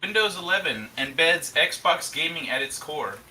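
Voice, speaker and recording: A man co-hosting a casual tech show who reads the news aloud haltingly and repeats phrases, his voice tinny as if inside a metal can. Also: fairly high pitch, lively intonation, sharp tone, slight background noise. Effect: tinny tin-can sound from mic placement. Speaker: co-host.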